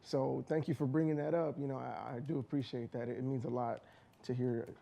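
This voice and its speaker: A man's voice: medium pitch, fairly even intonation, fairly quick, vocal fry, mellow, a little hiss or hum. A man from the United States, a rapper guest, speaking in an earnest, passionate way about his music with frequent restarts. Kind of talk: casual interview talk. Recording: community radio studio.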